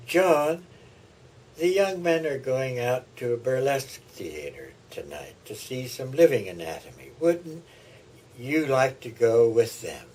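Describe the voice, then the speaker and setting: A man's voice: mid-range voice, big pitch swings, measured pace, a little mellow, slight background noise, pitched above the performer's own voice. An old man voicing a gracious older woman who teases at a dinner, in a lilting, playful way. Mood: teasing.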